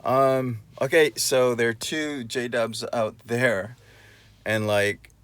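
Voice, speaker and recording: A man's voice: medium pitch, steady tone, slow, fairly bright tone, smooth, dry recording. A man live streaming casually to his viewers, with a rusty, unwarmed voice as if he just woke up. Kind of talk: casual livestream chat to viewers.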